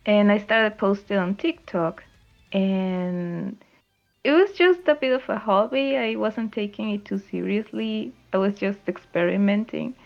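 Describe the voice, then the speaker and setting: A Venezuelan woman who works as a video editor speaks cheerfully and easily as a guest on a casual podcast, laughing between sentences. Her voice is medium-pitched, unhurried, and gravelly, recorded on a muffled lo-fi mic with faint music behind her.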